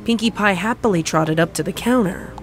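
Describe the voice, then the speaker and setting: A woman narrating a fan story in an even storybook reading. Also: mid-range voice, brisk, faint music behind. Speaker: fanfic narrator. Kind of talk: scripted narration.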